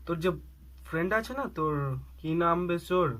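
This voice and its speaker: A man's voice: on the high side, fairly quick, fairly bright tone. A young Bengali man acting out a one-sided phone call in a comedy skit, coaxing, sweet-talking, then scolding and pleading.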